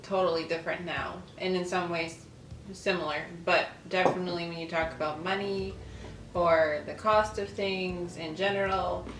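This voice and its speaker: The host of a lifestyle video channel chats casually and reads aloud from an old newspaper in a fairly low voice with fairly even intonation, at a normal speed. The room has a roomy echo with faint music underneath and slight background noise.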